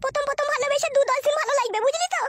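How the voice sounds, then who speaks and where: A performer voicing a nagging middle-aged village mother in a comic cartoon, lecturing rapidly. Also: extremely high pitch.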